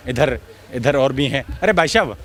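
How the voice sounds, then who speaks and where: A man's voice: mid-range voice, expressive, normal speed, a bit bright. A male reporter asking people persistent questions on a busy street, pushing back hard when rebuffed.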